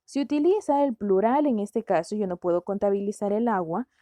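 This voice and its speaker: A woman's voice: mid-range voice, animated, brisk, warm tone, dry recording, clean studio sound. A woman teaching a grammar lesson, explaining step by step with rhetorical questions.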